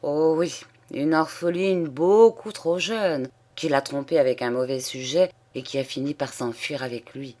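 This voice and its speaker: A stout, knowing matron, read by a woman, trading gossip in a low, confiding voice. Deep and subdued, lower still than the narration. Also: measured pace, warm tone.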